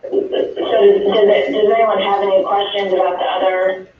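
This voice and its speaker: A man's voice: high-pitched, flat delivery, normal speed, a little hiss or hum. A man on a speakerphone giving a businesslike legal report to a board meeting. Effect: heard over a speakerphone. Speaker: legal counsel. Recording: distant, muffled, very echoey speakerphone.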